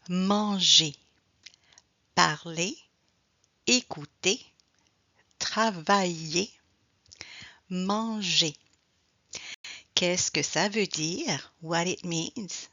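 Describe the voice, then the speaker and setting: Woman, French teacher, very slow careful delivery, dry dull lo-fi recording. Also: fairly low pitch, bright, forceful tone, dry recording. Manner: slow, clearly enunciated, repeats words in French and English. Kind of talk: slow bilingual language lesson.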